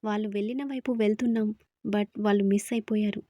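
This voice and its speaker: A woman voicing an anxious young man who haltingly reports bad news in a storybook. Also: mid-range voice, steady tone, mellow, no room sound, lo-fi sound, close to an everyday voice. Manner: halting, flustered.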